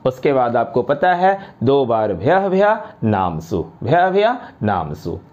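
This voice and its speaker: A man teaching a grammar lesson to students, slowly reciting and repeating word forms one by one. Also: medium pitch, big pitch swings, darkish tone, muffled recording. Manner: addresses students directly, repeats each form.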